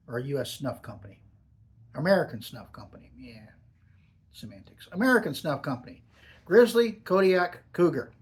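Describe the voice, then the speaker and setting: Casual man talking around a lipful of dip. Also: a little high. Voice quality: talking with a lip full of dip pouches. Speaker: product reviewer. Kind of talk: casual off-the-cuff product review.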